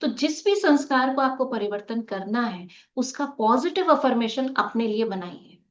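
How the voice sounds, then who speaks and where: Fairly high-voiced woman teaching meditation. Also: animated, normal speed. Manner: asks rhetorical questions and leads a group activity; mixes in English words. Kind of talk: live online lesson. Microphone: video call. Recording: muffled video-call audio.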